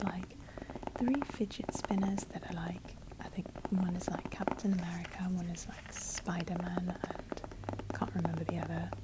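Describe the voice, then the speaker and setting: Asmr lady whispering low n breathy, chatting casually while finger tapping, lots of clicky noise. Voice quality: breathy, mostly unvoiced whisper. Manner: intimate casual rambling while tapping on items. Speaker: ASMR video creator. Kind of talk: whispered, soft-spoken ASMR. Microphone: close ASMR microphone. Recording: close noisy mic with tapping and clicks. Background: finger tapping and clicking on objects.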